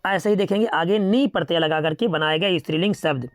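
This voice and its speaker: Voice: medium pitch, a little fast, no room sound, clean studio sound. A teacher giving a grammar lesson, steadily reading out word pairs and often stopping to remind students to remember them. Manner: steady, methodical listing with repeated reminders to remember.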